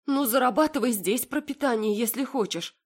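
A distraught mother near tears, her voice pitched high and pleading, as a woman reading a story puts her on. She begs and frets, rising sharply as she speaks, in a storybook reading. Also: moderate pace, breathy edge. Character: tearful pleading middle-aged mother.

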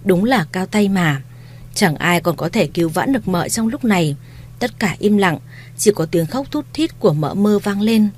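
A woman's voice: medium pitch, moderate pace. Woman narrating a family drama story. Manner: even, storytelling. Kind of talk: scripted narration.

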